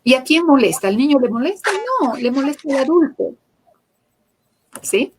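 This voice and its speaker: A woman, a psychomotor therapist telling anecdotes from her clinical work in an animated, conversational way. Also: high voice, normal speed, slight background noise. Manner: animated storyteller, voices the people she quotes. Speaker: psychomotor therapist, guest lecturer.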